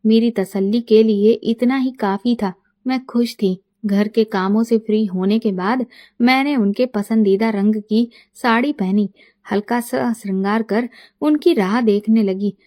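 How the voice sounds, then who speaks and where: A woman in her late thirties narrating a personal story in the first person, in a gentle, reflective way. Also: a little high, unhurried. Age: late 30s.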